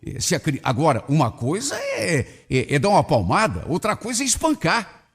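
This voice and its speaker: A man's voice: on the high side, wildly swooping pitch, normal speed, husky. A man hosting a radio show, reading a listener's story in the first person with emotional, indignant delivery. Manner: emotional, swinging between indignation and pity.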